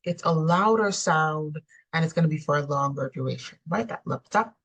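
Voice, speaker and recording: A woman's voice: low voice, normal speed, a bit bright, poor audio. A woman lecturing on anatomy, explaining steadily with frequent ums. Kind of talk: recorded lecture.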